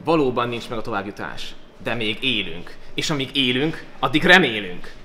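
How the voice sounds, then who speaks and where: A man's voice: medium pitch, lively intonation, sharp tone, a little hiss or hum. A man playing a wrestling manager, boasting brashly in a backstage promo. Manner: cocky, brash.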